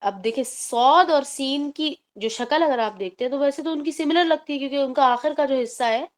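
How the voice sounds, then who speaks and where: In an online class, a high-pitched woman teaches Quran recitation. She works through it patiently step by step and weaves in English terms.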